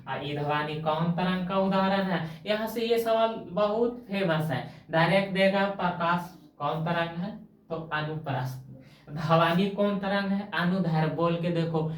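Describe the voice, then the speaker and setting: A woman teacher from Bihar, India, speaking Hindi with a Magahi-tinged Bihari accent, leads a coaching-class science lesson in a colloquial, homely manner, quizzing the class with call-and-response questions. Her voice is on the low side. The room is echoey and she is far from the mic.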